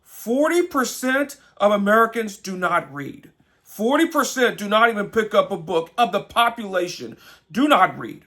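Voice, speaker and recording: A man's voice: high voice, animated, normal speed, bright, forceful tone. A man co-hosting a casual talk show, earnest and explaining things with everyday examples. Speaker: co-host. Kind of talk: casual conversational commentary.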